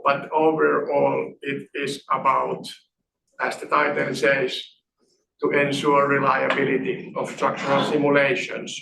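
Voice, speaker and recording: A middle-aged man from northern Finland giving an academic seminar talk, speaking haltingly with restarts. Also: mid-range voice, vocal fry, noisy background. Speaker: guest lecturer. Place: lecture room. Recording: echoey hall from far off.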